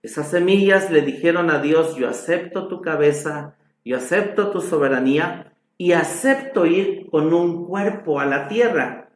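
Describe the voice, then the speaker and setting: A man preaching a sermon as a pastor, slow and emphatic, his voice rising on exclamations. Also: on the high side, reverberant. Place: church hall.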